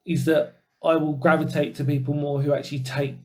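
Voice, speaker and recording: A man's voice: a little high, level tone, brisk, a little mellow. A British man hosting a casual panel discussion in an informal, emphatic and appreciative way. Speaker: host.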